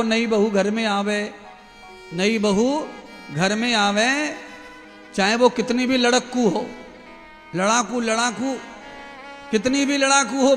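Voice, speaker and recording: A man giving a devotional discourse as a spiritual preacher, telling a story in an animated way and acting out the voices of the people in it. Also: very high-pitched. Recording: long reverb with faint music.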